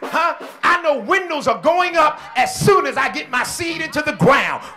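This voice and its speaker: A man preaching a sermon as senior pastor, with call-and-response shouting bursts and quieter stretches. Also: extremely high pitch, animated, moderate pace, soft background music. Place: church.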